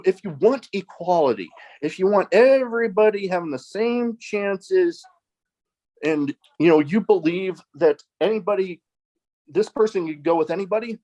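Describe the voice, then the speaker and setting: A man's voice: high voice, mellow. A man hosting a podcast interview, talking casually and hesitantly with many restarts and "you know" fillers. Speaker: podcast host.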